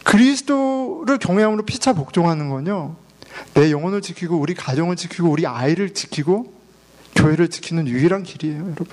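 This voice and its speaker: A man's voice: a little high, expressive, a little fast. A man in his thirties preaching a sermon as pastor, fervent and emphatic, telling a family story and slipping in English words.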